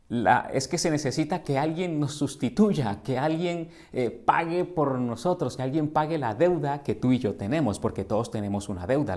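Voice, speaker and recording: Preaching in a church sanctuary, this middle-aged Colombian man has a medium-pitched, slightly mellow voice and a Colombian Spanish accent. His sermon is earnest and full of questions, building into emphatic repetitions.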